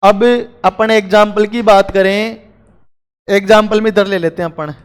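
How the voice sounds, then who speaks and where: A man's voice: sits high, fairly even intonation, normal speed, clean tone, in a large hall. A man teaching a grammar lesson to a class, chatty and joking with his students between explanations.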